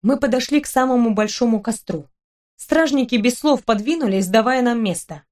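Woman reading an audiobook in first person, kinda high voice, lively. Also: moderate pace. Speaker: audiobook narrator.

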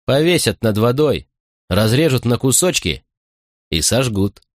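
A man's voice: medium pitch, very animated, a little slow, no room sound, studio quality, pitched above the performer's own voice. A man voicing a mocking, bloodthirsty male guard in an audiobook, his tone jeering and threatening. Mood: gloating menace.

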